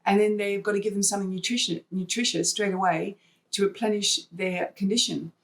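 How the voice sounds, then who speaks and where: A Hong Kong woman with a medium-pitched, steady voice talks briskly as a podcast guest. She's an artist and wildlife fundraiser, and in this conversational interview she tells anecdotes and acts out snippets of remembered dialogue.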